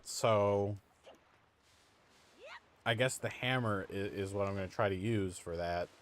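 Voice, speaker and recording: Playing a video game live on stream, a man jokes with chat in a casual, self-mocking manner. His lowish voice is unhurried, picked up on a home streaming mic with slight background noise.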